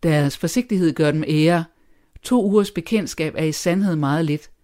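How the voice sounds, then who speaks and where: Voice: medium pitch, darkish tone, natural voice. A reader doing a dry, teasing old-fashioned father. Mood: wry. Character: dry sarcastic middle-aged father and husband. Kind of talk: audiobook character voice.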